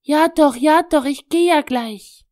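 A woman's voice: a little high, fairly even intonation, unhurried, gravelly, a little mellow, dry recording, clean studio sound. A woman voicing a shy, remorseful little girl who falters and pleads in a raised, childlike voice. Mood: exasperated.

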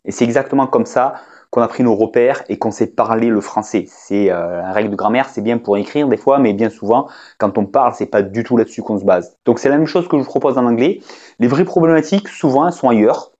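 French-speaking male teacher, casual talk to camera, halting and chatty, slightly muffled recording. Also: medium pitch, a little mellow. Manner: hesitant, many fillers and restarts, conversational. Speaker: English teacher. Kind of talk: casual spoken lesson to camera.

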